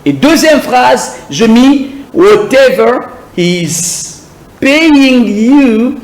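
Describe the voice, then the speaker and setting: A man with a high voice gives a beginner English lesson, taking his time over every word. He drills vocabulary by saying each item again and again and asking listeners to repeat it. The sound is roomy, with noticeable echo. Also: big pitch swings. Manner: slow, repetitive drilling, asks viewers to repeat. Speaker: English teacher.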